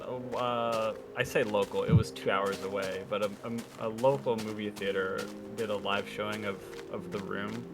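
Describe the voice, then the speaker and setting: A man's voice: on the low side, moderate pace, hardly any pauses, music in the background. Rambling man telling stories on a call. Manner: relaxed, rambling, hesitant. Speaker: podcast co-host. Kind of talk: casual storytelling chat. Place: home, on a group call.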